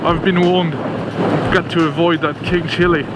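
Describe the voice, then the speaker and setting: A French-accented man from France records casual, enthusiastic, exclamatory vlog commentary on a motorbike trip, riding and chatting to passers-by outdoors and at an event ground. His voice is fairly high and fairly even, his pace unhurried, and the background noisy.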